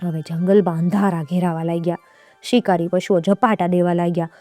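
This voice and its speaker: A woman's voice: fairly low pitch, steady tone, fairly quick, a little mellow, no echo, faint music behind. A woman storyteller, narrating a folk tale expressively with rhythmic repetitions.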